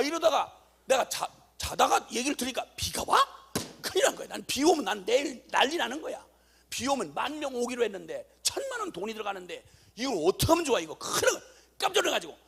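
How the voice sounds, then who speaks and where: A middle-aged man, a missionary preacher, telling a testimony in a sermon with lively, animated storytelling. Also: sits high, vocal fry, a little hiss or hum. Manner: animated storytelling, acting out voices, rising to shouts.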